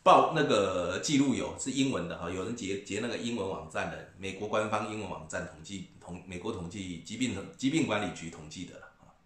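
A man's voice: sits low, brisk, few pauses, a bit bright. A middle-aged man ranting in a casual vlog, mocking and scornful, repeating himself and chuckling. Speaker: vlogger commentator. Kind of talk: casual rant to camera. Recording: echoey room.

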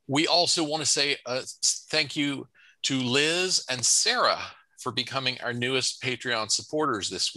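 A man's voice: mid-range voice, bright, forceful tone, no echo, low-quality recording. A man co-hosting a webcast, reading out announcements and listener notes with dry humor. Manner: reads comments and plugs with dry humor. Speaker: co-host.

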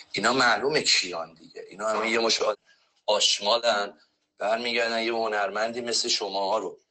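A man's voice: lowish voice, sharp tone, low-quality recording. A man leaving an indignant, blunt voice message of support.

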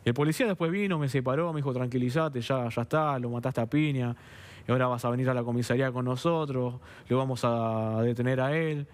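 A man's voice: mid-range voice, fairly quick. A man from Argentina with a Buenos Aires accent, a guest on a TV studio interview, vehemently recounting events and acting out the dialogue. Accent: Buenos Aires Spanish. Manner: vehement, acts out quoted dialogue, keeps asking "understand?".

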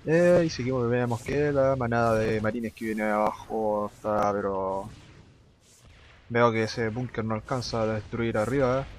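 A young man, excitedly commentating a strategy game and dropping English gamer slang and curses. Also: lowish voice, a little slow, slight background noise. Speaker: gameplay commentator.

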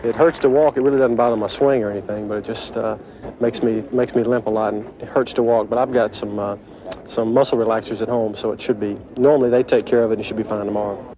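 A man's voice: fairly low pitch, fairly even intonation, fast talker, mellow, a little hiss or hum, rough recording. A man, a golfer, giving a casual and somewhat hesitant interview outdoors on the course. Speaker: professional golfer being interviewed. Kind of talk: casual post-round interview.

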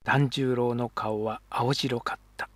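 A man reads historical fiction aloud as an audiobook narrator, in a calm and measured way. His voice is husky and sits at a low pitch. The recording is dry and close to the mic. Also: no room sound.

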